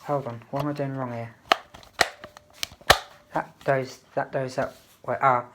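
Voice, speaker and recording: A woman's voice: very deep voice, steady tone, a little slow. A woman casually reviewing a product, demonstrating it step by step in a hesitant way. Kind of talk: casual unboxing and review chat. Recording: faint background noise and clicks.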